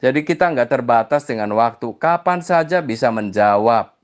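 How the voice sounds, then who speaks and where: A man's voice: medium pitch, animated, normal speed. Chiding man explaining his faith. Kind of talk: religious debate voice notes.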